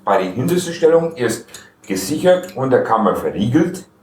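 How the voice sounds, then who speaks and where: A man's voice: medium pitch, sing-song, normal speed, a little mellow. A man, an export manager from the United States with a Franconian-tinged German accent, explaining rifle features step by step in a product demonstration. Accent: American with a Franconian German dialect. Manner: explains technical details step by step, some grammar slips. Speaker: export manager of a gun maker. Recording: roomy, distant field recording with faint noise.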